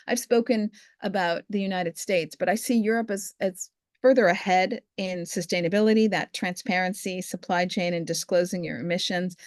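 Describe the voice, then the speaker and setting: A woman's voice: medium pitch, no echo, studio quality. A woman being interviewed as a guest, speaking in a talkative, enthusiastic way. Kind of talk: conversational interview.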